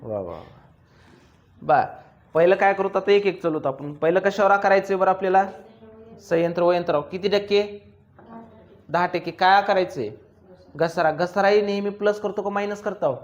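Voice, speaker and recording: Lecturing in a high-pitched voice, a male commerce teacher quizzes students quickly and throws in teasing remarks. The recording has a lo-fi quality.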